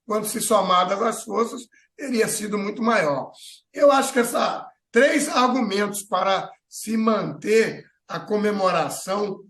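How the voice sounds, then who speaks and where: A man's voice: high-pitched, fairly bright tone, roomy sound. A Brazilian man hosting a political talk show, giving his opinions while thinking aloud with many fillers and restarts.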